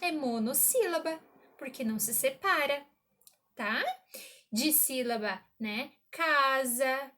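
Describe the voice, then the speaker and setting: A woman teacher giving a recorded remote lesson to a child, slow and encouraging, often checking in with the listener. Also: sits high, fairly bright tone.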